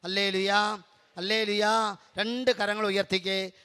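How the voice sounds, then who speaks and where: A man with a Malayali accent leads a prayer meeting in a fervent, exhorting preacher's voice. His voice sits high and sounds bright and ringing. He calls out to the congregation, urging them to praise and pray louder. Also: flat delivery, a little slow, clean tone. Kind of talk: Pentecostal-style charismatic sermon and prayer.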